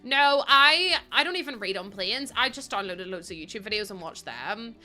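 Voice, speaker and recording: A woman holds a casual conversation with her stream viewers, speaking at a moderate pace in an animated, medium-pitched voice. She's chatty, laughs frequently, and greets chat with warmth.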